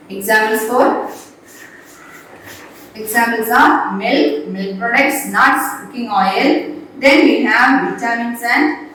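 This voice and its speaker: A woman's voice: on the high side, a bit bright, slight background noise. A woman teaching a class at a board, repeating her points and quizzing the students. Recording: echoey room voice from far off.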